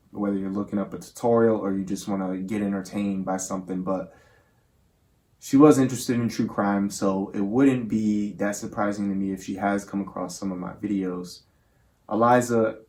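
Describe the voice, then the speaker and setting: Low-voiced man hosting a spirit session. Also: darkish tone. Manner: addresses listeners and spirit with affectionate, reverent words. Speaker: host of a spirit box session channel. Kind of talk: earnest spoken commentary to viewers and a spirit.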